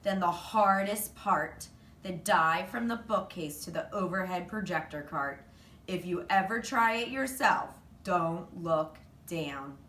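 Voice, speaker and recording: A woman, a reader and teacher, tells a children's book aloud with animated expression in a bright, forward, lowish voice at a slow pace. She sounds a little distant from the mic, in an echoey room with faint background noise.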